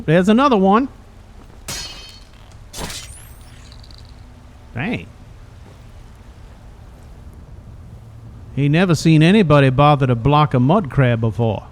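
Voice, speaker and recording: A man voicing a cheeky, chatty old rusty robot in a game, with a folksy drawl and teasing manner. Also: fairly high pitch. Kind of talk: video game character dialogue.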